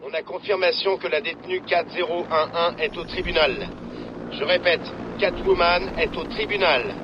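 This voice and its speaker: A man's voice: on the high side, fairly even intonation, normal speed. An actor playing a male helicopter pilot giving formal reports over a police-style radio transmission in a dubbed video game. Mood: urgent report. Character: male military helicopter pilot, clipped and businesslike. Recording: muffled radio over loud rotor noise.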